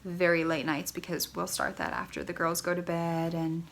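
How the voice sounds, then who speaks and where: A woman's voice: fairly low pitch, flat delivery, normal speed, a bit bright, slight background noise. A woman hosting a knitting vlog from a guest bedroom at home, chatting casually and gushing, a little congested. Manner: enthusiastic, gushing, frequent ums. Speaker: knitting podcast host.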